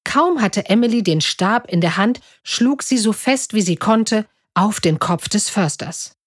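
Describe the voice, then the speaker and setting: Woman, story reading, steady careful delivery, middling pitch, dry close sound. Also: unhurried, slightly rough, dry recording. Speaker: story reader.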